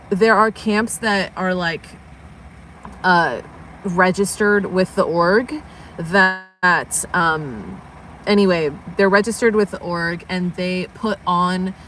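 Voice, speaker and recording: A woman's voice: on the low side, a bit bright, a little hiss or hum. A young woman chatting casually on a livestream, rambling and yawning, sleepy and just woken up. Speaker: livestream vlogger.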